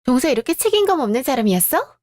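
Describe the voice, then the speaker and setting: Woman playing a high whiny sister-in-law, bossy and put-upon. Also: sing-song, fast, a little mellow, dry recording, clean studio sound. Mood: indignant. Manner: whiny, indignant. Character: prim elder sister-in-law, self-important and demanding.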